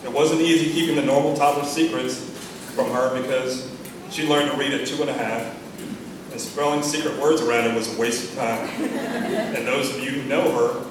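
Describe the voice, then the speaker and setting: A middle-aged American man from Texas gives a father of the bride speech at a wedding, sentimental and gently humorous in a measured delivery. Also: medium pitch, fairly even intonation, recorded from a distance. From Texas, United States. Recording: echoey room from afar, noisy.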